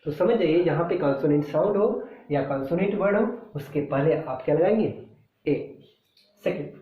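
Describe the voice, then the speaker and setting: A man teaching a grammar lesson in a slow, patient way, often checking whether his students have understood. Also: on the high side. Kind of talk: grammar lesson in Hindi and English. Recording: echoey room, tinny phone-like sound.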